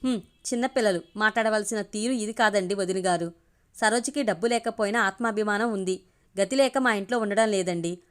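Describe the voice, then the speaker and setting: Storybook figure: a firm, grave older mother, read by a woman, measured delivery. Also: medium pitch, lightly acted.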